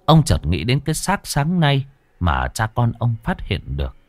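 Expressive man telling a ghost story. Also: moderate pace. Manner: expressive, varied pitch.

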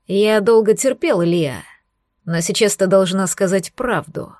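A woman voicing a domineering young male werewolf in an audiobook, speaking low, hushed and slow. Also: no echo, studio quality, natural voice. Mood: menacing. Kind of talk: audiobook character voice.

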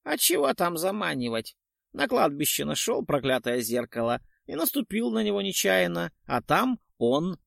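A shrill, bragging half-rotten ghoul from a storybook. His squeaky voice jumps wildly in pitch, gleeful one moment and whining the next. The take is dry and close, with a gravelly edge. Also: sing-song, normal speed, fairly bright tone, no echo, exaggerated voice. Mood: gloating. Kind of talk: audiobook character voice.

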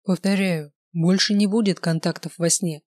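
A woman voicing a calm, commanding male otherworldly creature who speaks slowly in flat, even tones. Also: fairly low pitch, no room sound, clean studio sound, lightly acted.

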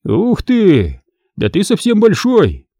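A man's voice: high voice, wildly swooping pitch, slow, dark tone, husky, dry recording, clean studio sound, voice pushed up, heavily acted. A man voicing a jovial, hearty middle-aged uncle in a storybook reading.

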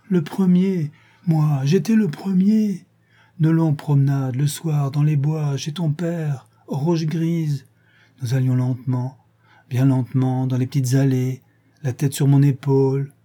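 A man's voice: a little high, slow, warm tone, husky. A man reading the part of Gaston, a dead husband pressing his claim in a nostalgic, insistent way. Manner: insistent, nostalgic, self-righteous. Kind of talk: audiobook character reading.

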